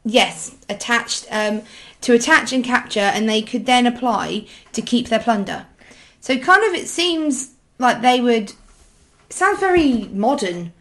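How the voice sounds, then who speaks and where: A woman's voice: on the high side, expressive, unhurried. A woman co-hosting a casual history podcast, talking hesitantly with many ums and restarts. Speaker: podcast co-host.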